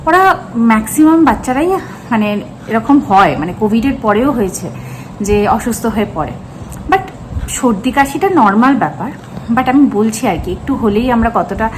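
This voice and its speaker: A woman's voice: a little high, a little hiss or hum. A woman in her thirties, a mother, chatting through her day at home in a casual vlog, thinking aloud with many fillers. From eastern India. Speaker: vlogger and mother. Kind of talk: casual daily vlog narration. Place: home, partly in a kitchen.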